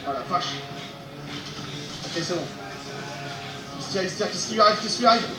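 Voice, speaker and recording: A man giving excited commentary on a video game he is playing, talking straight to his viewers, often shouting and laughing. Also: sits high, brisk, echoey room, over loud music, low-quality recording. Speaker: gaming video host.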